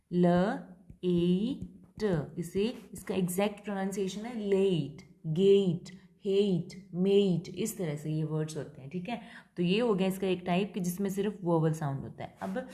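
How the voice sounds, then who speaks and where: A woman teaching English linguistics, explaining in Hindi mixed with English terms and reading English definitions out slowly, often checking that students follow. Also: fairly low pitch, warm tone. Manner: keeps checking in with the class, repetitive and patient. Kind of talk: lecture explaining syllable structure.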